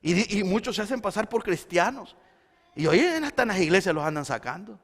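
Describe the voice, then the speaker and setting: A man preaching a Sunday sermon as pastor, swinging between loud emphasis and quiet intensity. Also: sits high, very animated, fairly quick. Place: church sanctuary. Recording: long church hall reverb.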